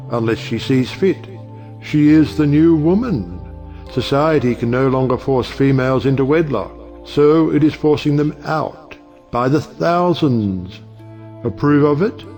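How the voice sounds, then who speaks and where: In an audio play, a male actor with a medium-pitched, darkish voice plays a wry, provocative middle-aged judge who is also an uncle. He speaks rhetorically and oratorically over background music.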